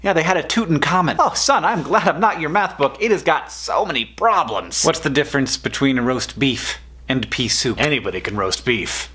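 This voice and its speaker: A man's voice: fairly high pitch, normal speed, few pauses, husky. A man in his thirties, a new father, telling dad jokes to camera in a playful comedic vlog. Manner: playful, animated joke delivery with mock dialogues. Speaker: video blogger, new dad.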